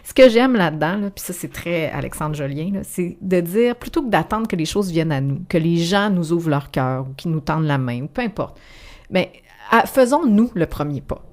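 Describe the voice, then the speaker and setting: A woman's voice: on the low side, expressive, normal speed, darkish tone. A woman with a Québécois accent, an author talking reflectively in a radio interview, often restarting her sentences. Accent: Québécois French. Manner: reflective, with frequent restarts and fillers. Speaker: author guest.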